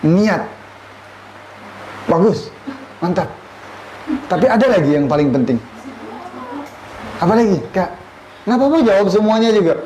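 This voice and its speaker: A man in his thirties from Indonesia teaches a class, firing questions at his students and slipping Arabic phrases into his talk. His voice sits a little high. The room echoes noticeably, with a faint hum of noise behind him. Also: lively intonation, measured pace, pauses often, a little mellow. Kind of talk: classroom lesson.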